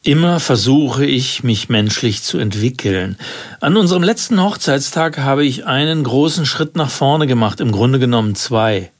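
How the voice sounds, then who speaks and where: A man reading his own humorous story in a dry, wry, measured way on the radio. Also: medium pitch, animated. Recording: radio studio.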